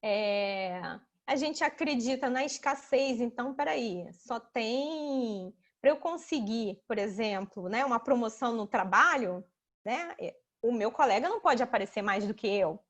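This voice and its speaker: A woman's voice: animated, normal speed. A woman giving a casual online talk over a video call, explaining ideas step by step and often asking "né?". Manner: explanatory, sprinkles "né?", acts out children and mothers in high voices. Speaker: talk presenter.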